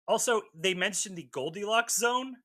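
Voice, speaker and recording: A man's voice: high-pitched, moderate pace, pushed and bright. A man co-hosting a podcast in casual chat, making wry jokes between fillers and restarts. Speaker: podcast co-host.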